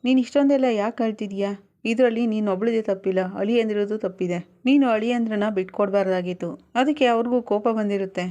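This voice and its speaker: A woman's voice: medium pitch, dark tone, close to an everyday voice. A woman voicing a middle-aged mother who lectures her daughter at length. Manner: lecturing, advising.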